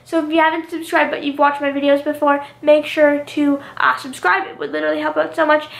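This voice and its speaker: A young woman vlogging casually, rambling and filling gaps with "um" and "literally", a little hoarse from talking a long time. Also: high voice, flat delivery, fairly quick, roomy sound. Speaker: YouTuber. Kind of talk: casual vlog monologue.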